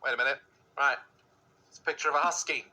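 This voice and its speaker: A woman's voice: very deep voice, steady tone, fast, sharp tone, rough recording. A woman hosting a casual reaction video, blunt and swearing freely, laughing often at what she watches.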